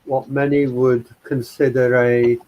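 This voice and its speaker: Guest, male, from Liverpool, calm and unhurried storyteller, over a video call. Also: mid-range voice, lo-fi sound. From England, Liverpool. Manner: slow, thoughtful, many pauses and ums. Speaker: guest speaker. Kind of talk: personal life story.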